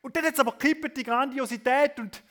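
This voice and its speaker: Man, preacher, high voice, sermon delivery that swings between loud emphasis and soft asides, tag questions. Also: a little fast. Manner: often adds a questioning "oder?" tag.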